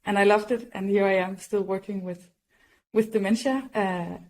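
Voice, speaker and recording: A woman's voice: mid-range voice, steady tone, moderate pace, poor audio. Friendly woman from Denmark. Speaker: guest researcher.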